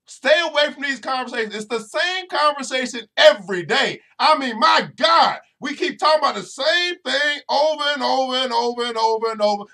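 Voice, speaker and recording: A financial educator hosting a motivational podcast preaches directly to his listeners, repeating phrases again and again for emphasis. His voice is very high, bright and forceful.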